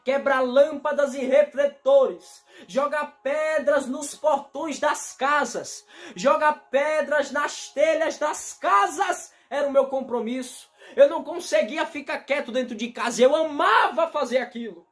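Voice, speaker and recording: A young man giving a fervent evangelical testimony, repeating himself and breaking into shouts. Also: extremely high pitch, measured pace, soft background music. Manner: fervent, repetitive, bursts into shouting. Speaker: testimony preacher.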